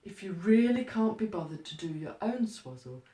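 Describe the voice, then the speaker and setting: A woman explains a craft one step at a time, plainly and practically, like a how-to demonstration. Her mid-range voice is mellow and swings widely in pitch at a normal speed. The recording is echoey and roomy from a distant microphone.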